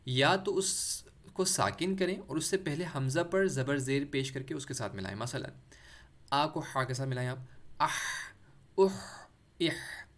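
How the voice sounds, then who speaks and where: A man teaching Quran recitation, explaining letters patiently and drawing out sounds slowly for practice. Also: mid-range voice, a bit bright. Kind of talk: explanatory lesson with demonstrated pronunciation.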